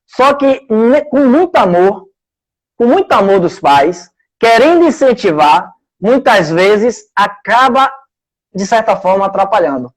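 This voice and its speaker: A man's voice: sits high, big pitch swings, a little slow, poor audio. A man with a Brazilian Portuguese accent, a sports coach speaking in a live interview, earnest and conversational as he tells anecdotes and acts out what people said.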